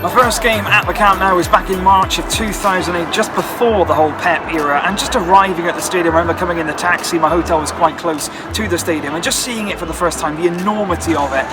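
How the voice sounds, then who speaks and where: A man's voice: sits high, fast, few pauses. A man in his twenties from Wales hosting a football vlog outdoors at a stadium. He talks eagerly and earnestly and piles on superlatives. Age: 20s. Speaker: football channel host. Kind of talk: enthusiastic vlog talk to camera. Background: background music.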